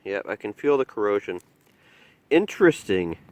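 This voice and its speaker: Out in a muddy field, a man thinks aloud and chats easily while digging, vlogging what his metal detector turns up. His pitch is fairly low but swings widely, and he talks at normal speed.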